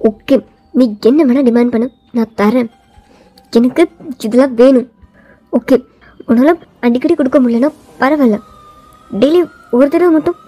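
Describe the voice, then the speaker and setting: Woman voicing a young male CEO, pitched down, cold, taunting, domineering, dark tone. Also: moderate pace, long pauses, slightly rough, no echo, faint music behind. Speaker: voiceover artist.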